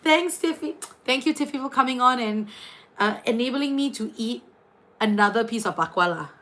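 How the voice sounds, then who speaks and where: Speaking at a normal pace in a fairly high voice, this tarot and astrology reader chats with her late-night livestream audience, lively and talkative as she reads viewer names aloud. She's a young woman with a New Zealand accent, from New Zealand but raised partly in Singapore.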